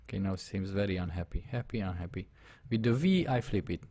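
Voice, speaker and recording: Brisk and warm, with a voice that sits low, a Hungarian-accented native speaker of Hungarian guides viewers through a live drawing. He narrates each on-screen step and checks in often to see that they are following along.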